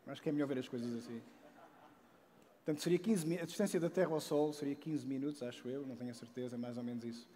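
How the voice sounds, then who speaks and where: A man's voice: mid-range voice, fast. A man in his forties with a European Portuguese accent, giving a casual public science talk on a large auditorium stage through a headset mic, full of restarts and tag questions. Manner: animated, many restarts and "não é?" tags, joking asides. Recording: long hall reverb.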